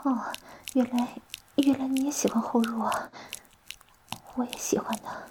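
A woman voicing a flirtatious, teasing sister-in-law in an intimate audio roleplay, speaking in a breathy close whisper. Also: on the high side, steady tone, a little slow, natural voice. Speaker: voice actress in an adult audio roleplay.

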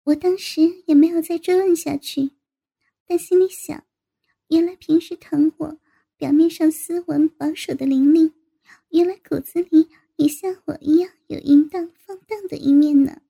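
A young woman narrating an adult audio story in a breathy, intimate way, sometimes dropping to a whisper. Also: sits high, steady tone, normal speed, mellow.

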